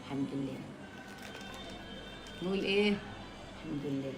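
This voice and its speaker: A woman's voice: extremely low pitch, moderate pace, over music. Playful Egyptian woman live streaming. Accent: Egyptian Arabic. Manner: chatty, reads viewer names, teasing and playful. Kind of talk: casual live stream chat with viewers.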